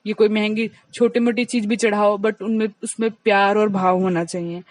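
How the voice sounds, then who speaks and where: A woman sharing her devotional testimony in a satsang, talking fast and earnestly to the congregation, a little distant from the mic. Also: mid-range voice, level tone, darkish tone, no room sound. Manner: speaks quickly, admits it herself; earnest, addresses the congregation directly.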